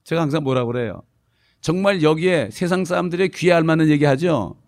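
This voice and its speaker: A middle-aged man preaches a sermon in a loose, conversational way, telling anecdotes. He keeps checking in with the congregation through short questioning prompts. His delivery jumps between raised, emphatic lines and soft, low asides. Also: brisk, creaky. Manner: tells anecdotes casually, with informal speech mixed in. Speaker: pastor.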